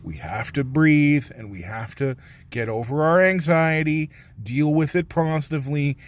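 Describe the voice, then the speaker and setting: A man talking earnestly to camera in a casual vlog, rambling and swearing a little as he reassures viewers. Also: fairly high pitch. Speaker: vlogger.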